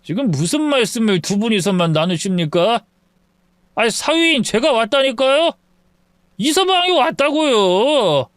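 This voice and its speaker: A man's voice: very high-pitched, very animated, a bit bright, clean tone, no echo, clean studio sound, voice pushed up, exaggerated voice. A man doing a drunk, whiny young husband. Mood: drunk pleading. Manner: slurred, pleading and drawn-out.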